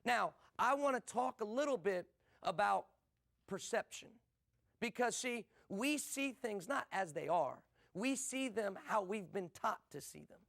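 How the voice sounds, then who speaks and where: High gravelly-voiced motivational speaker man. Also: lively intonation, a bit bright. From USA. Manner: rhetorical questions and quick punchy repetition. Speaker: business speaker. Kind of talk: motivational seminar talk.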